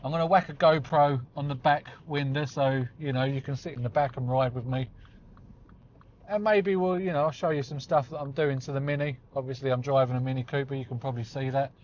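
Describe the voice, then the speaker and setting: A man's voice: medium pitch, fairly even intonation, brisk, a little mellow. Casual vlogger, man in his forties, chatty and self-deprecating, recorded in a car with dull sound. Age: 40s. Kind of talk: casual chat while driving. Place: inside a car on the road. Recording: slightly dull audio with faint road noise.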